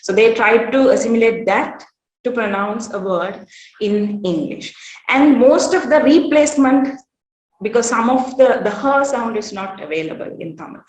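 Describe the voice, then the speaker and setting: A woman's voice: a little high, lively intonation, normal speed, darkish tone, echoey room, poor audio. A woman giving an academic conference presentation, hesitant, with frequent fillers and restarts.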